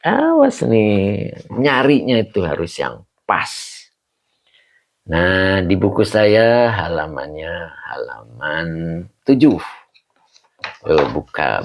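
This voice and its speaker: Over a video call, a man leads a casual online religious class, chatting freely, greeting students by name, and laughing often. His voice is low and creaky, with a little hiss or hum in the audio.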